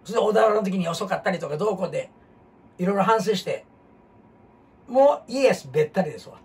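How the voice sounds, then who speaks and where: A man with a Kansai accent, hosting a casual history talk as an animated storyteller who jumps between topics and asks rhetorical questions. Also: high-pitched, fast talker. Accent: Kansai Japanese. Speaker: host. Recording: husky voice from far off the mic.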